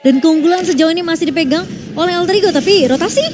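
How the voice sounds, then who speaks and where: A woman's voice: very high-pitched, fast. An Indonesian woman co-casting an esports match in conversational live commentary. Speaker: esports co-caster. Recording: clear background noise behind the voice.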